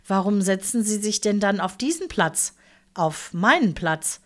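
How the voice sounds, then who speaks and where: A woman's voice: medium pitch, very animated, a little slow. A woman voicing a fussy, pedantic middle-aged bookkeeper, stiff, formal and easily indignant.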